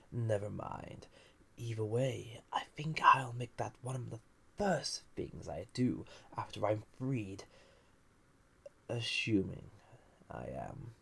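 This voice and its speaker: This man's voice sits on the low side as he plays a banished villain, ancient, lonely, flirtatious and dangerous, for an intimate roleplay audio drama. He teases with languid pauses, breathy and often half-whispering, in an exaggerated manner.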